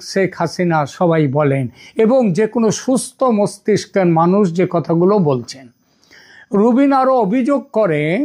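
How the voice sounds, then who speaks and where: A man's voice: sits high, a little mellow. A man delivering a political commentary monologue, posing rhetorical questions and restating terms to explain them.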